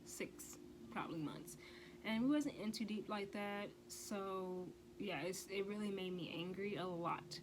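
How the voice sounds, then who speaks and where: A woman recounting a personal story in a casual storytime vlog, speaking at a middle pitch. Her delivery is emphatic and blunt, and she swears freely. She keeps pressing her points home with a rhetorical "okay?", with a faint hiss behind her. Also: unhurried. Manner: emphatic, repeats "okay?" for stress. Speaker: vlogger.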